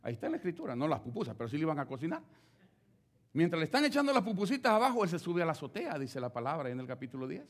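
A man's voice: a little high, rapid-fire. A man preaching a sermon, speaking straight to his listeners with rhetorical questions. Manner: animated, addresses listeners directly with rhetorical questions.

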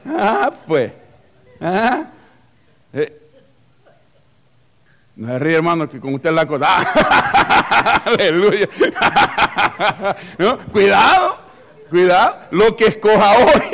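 A man preaching a sermon as pastor. His voice sits high, and he delivers in an animated way, acting out little scenes and calling out questions to the congregation. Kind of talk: lively sermon. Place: church.

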